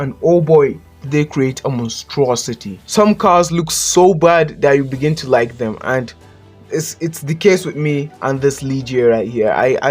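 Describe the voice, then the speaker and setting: A man of medium pitch with a slightly rough voice and a Nigerian accent hosts a channel's casual countdown. Over the list, he delivers blunt, joking opinions as voice-over commentary.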